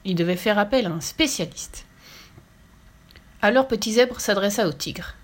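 Woman, storyteller, children's picture book read aloud, clear, gently expressive, medium pitch. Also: normal speed.

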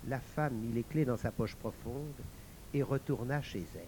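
A man narrating a folk tale in a slow, deliberate, scripted telling. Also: mid-range voice, mellow, slight background noise. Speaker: storyteller.

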